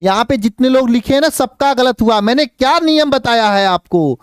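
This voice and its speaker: A man teaching a chemistry class in Hindi. He counts aloud slowly, asks questions and repeats the answers, and his voice rises higher and louder when he stresses a point. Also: clear, resonant tone, dry recording, clean studio sound. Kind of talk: live online class teaching.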